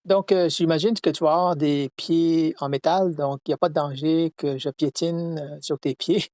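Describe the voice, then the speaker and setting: A man casually chatting with an AI assistant, speaking haltingly with many hesitations and restarts. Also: on the high side, fairly even intonation, a little mellow, no room sound, studio quality. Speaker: host chatting with an AI. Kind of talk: casual chat.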